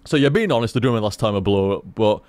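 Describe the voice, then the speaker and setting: A man rambling through casual gameplay commentary, swearing freely and talking in an animated way. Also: fairly low pitch, rapid-fire, no echo. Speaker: gaming commentator.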